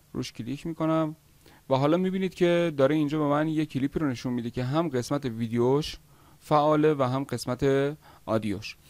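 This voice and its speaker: Male software tutor, slightly high voice, dry close recording, patient step-by-step delivery with frequent "uh" pauses. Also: dry recording. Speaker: video editing instructor.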